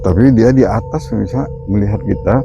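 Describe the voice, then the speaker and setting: A man presenting a night paranormal vlog in short, halting phrases addressed to viewers. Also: fairly low pitch, gravelly. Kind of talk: night ghost-hunt vlog commentary. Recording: dull lo-fi audio, loud eerie music. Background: loud music with singing-bowl tones.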